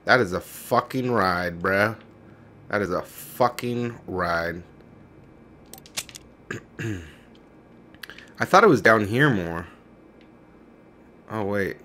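A man's voice: on the low side, very slow, pauses often, sharp tone, a little hiss or hum. A young man hosting a let's-play video, chatting casually with rambling, profane commentary. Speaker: gaming channel host.

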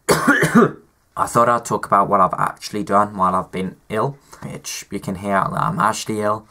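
Sick man with a bright voice. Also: on the low side, normal speed. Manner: rambling, self-mocking. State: sick with a cough and sore throat. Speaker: vlogger. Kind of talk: casual vlog chat.

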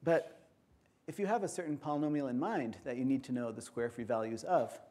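A man giving an academic conference lecture in an auditorium, explaining step by step in a measured way. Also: medium pitch, warm tone.

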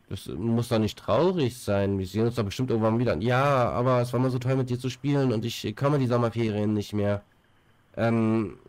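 A mid-range, darkish male voice with no room sound belongs to a gaming streamer. The young man has a cold-stuffed nose and chats casually into a headset while playing, rambling with fillers and repeated words.

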